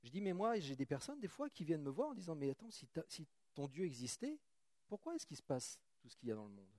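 A man's voice: fairly high pitch, wildly swooping pitch, fast, mellow, no room sound, clean studio sound. A man preaching in a church, reading scripture aloud and breaking into chatty asides to his congregation. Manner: reads scripture then comments casually, chatty asides to the congregation. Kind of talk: sermon with Bible reading.

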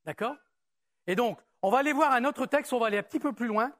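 A man preaching in a church service, with the easy and conversational manner of a pastor talking straight to his people. He peppers the sermon with rhetorical questions. He turns slower and more measured when he reads a passage aloud. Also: very high voice, fairly bright tone.

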